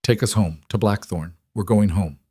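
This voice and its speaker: A man's voice: fairly low pitch, moderate pace, dark tone, breathy edge, no room sound, studio quality. A man voicing a young duchess who pleads and gives urgent orders in a raised voice. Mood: firm. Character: young duchess, frantic and commanding.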